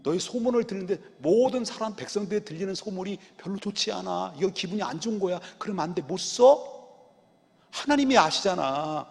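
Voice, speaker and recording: Man doing a mild old priest father, soft and coaxing, a little high, lively lilt, church-hall echo. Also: normal speed, slightly rough, full character voice. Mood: gentle pleading.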